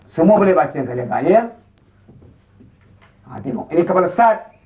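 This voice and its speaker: A Quran recitation teacher with a Malaysian Malay accent, chanting slow model verses and then quickly explaining and quizzing pupils. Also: medium pitch, sing-song, darkish tone. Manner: quizzing pupils with short questions. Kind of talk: classroom lesson with call-and-response.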